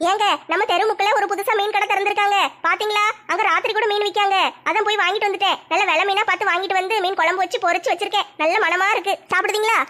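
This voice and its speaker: A woman plays a middle-aged village wife with a Tirunelveli Tamil accent. She scolds and reasons at a rapid clip. Her voice is high, bright and sharp. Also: fairly even intonation. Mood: coaxing. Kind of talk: comic skit acting.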